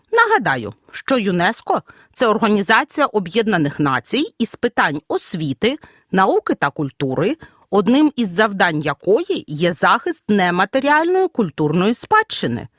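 A woman teaching a scripted audio grammar lesson, speaking clearly and measuredly and stressing each example. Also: mid-range voice, no echo, clean studio sound. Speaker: Ukrainian language teacher.

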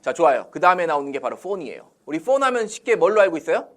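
Speaking very fast in a slightly high voice, a man gives a classroom-style lesson teaching English in Korean. He drills phrases with call-and-response questions, acting out Korean example lines in a lively voice.

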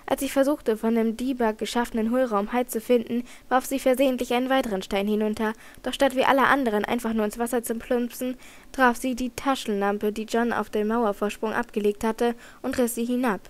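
A woman reading a children's adventure novel aloud in even narration, with occasional slips she corrects. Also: on the high side, a little fast. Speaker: audiobook reader.

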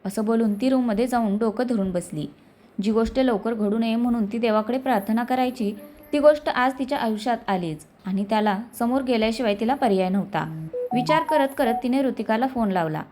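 A woman reading a family story aloud in a steady, even narration. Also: on the high side, fairly quick.

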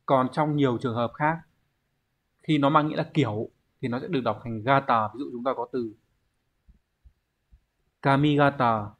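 Guy teaching an online exam prep class, middle pitch, patient, keeps asking the students questions. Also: normal speed, pauses often, dull audio. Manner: explanatory, poses rhetorical questions to students. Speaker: Japanese language teacher.

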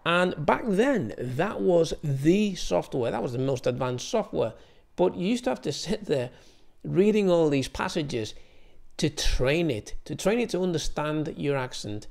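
A man presents a software tutorial in casual, explanatory talk. His voice is slightly high for a man, with a strong gravelly fry running through it. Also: animated, a little slow.

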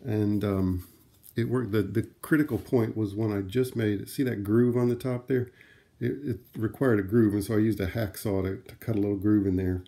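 This middle-aged man speaks at normal speed in a warm, gravelly voice on the low side, his intonation fairly even. A vlogger into vintage audio, he gives a casual, unscripted demonstration in a room at home, thinking aloud as he works with things.

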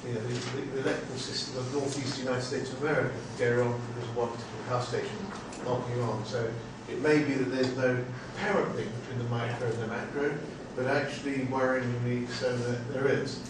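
Man, seminar chair, relaxed, rambling, echoey room, distant, hiss. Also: medium pitch, fast talker, hardly any pauses. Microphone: far room camera mic.

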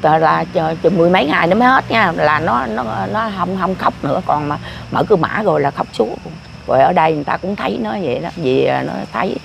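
A woman's voice: on the low side, lively intonation, fast talker, vocal fry, a little hiss or hum. An older grandmother, talking in a rambling, repetitive way about her family. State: often ill. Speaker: grandmother interviewed. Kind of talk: casual storytelling.

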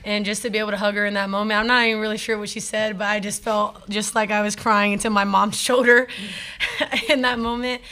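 A young woman talks to reporters at a postgame press conference. Her voice is bright and her answers come out lively and chatty. She speaks into a table mic. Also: mid-range voice, a little fast, clean tone. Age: young adult. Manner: lively and chatty, laughing easily. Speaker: college softball player.

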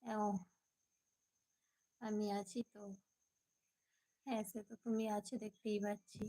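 A woman hosting a casual live stream at home at night, hoarse from a cold, chatting with viewers and answering their comments. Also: mid-range voice, flat delivery, slow pace, warm tone, poor audio.

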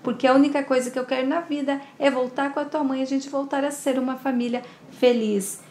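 A woman's voice: sits high, steady tone, a little fast, darkish tone, slight background noise, close to an everyday voice. A woman voicing a scheming, melodramatic middle-aged father, reading his lines plainly with little change of voice, in an echoey room.

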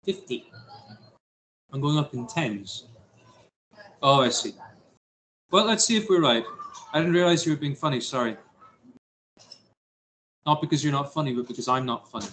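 A man's voice: medium pitch, animated, moderate pace, long pauses, fairly bright tone, slight background noise, rough recording. A man teaching a science lesson to his class, talking through a simulation with jokey, self-deprecating asides.

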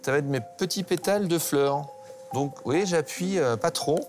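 A man, a pastry chef, teaching a cooking class and walking viewers through each step in a brisk, instructive way. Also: fairly high pitch, darkish tone, soft background music. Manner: instructive, brisk, addresses viewers with "regardez" and "hein". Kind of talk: cooking demonstration.

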